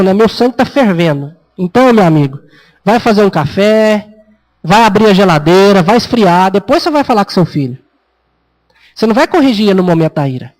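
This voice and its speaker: A Brazilian pastor with a high voice preaches an expository sermon in Brazilian Portuguese, keeping the tone conversational. He raises his voice to act out parents and children, and the recording quality is low.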